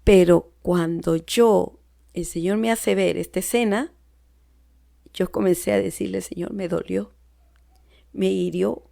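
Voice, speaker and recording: This woman, a guest on a podcast, gives an earnest personal account in relaxed conversation, her Peruvian Spanish accent clear and her voice often falling to a near-whisper. It is a warm, medium-pitched voice with vocal fry.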